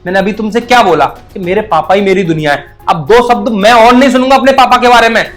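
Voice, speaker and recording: Young son, played by a man, quick, earnest and firm, faint music underneath. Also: sits high, fairly bright tone.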